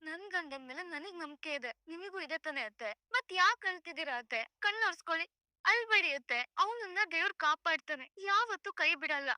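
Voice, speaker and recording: Young wife calming her mother-in-law, high bright voice, dry. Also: no echo, exaggerated voice. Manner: soothing, insistent.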